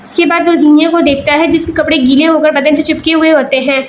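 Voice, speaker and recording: Woman narrating a novel, high voice, steady, faint hiss. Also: low-quality recording. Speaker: story narrator. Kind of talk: reading an Urdu novel aloud.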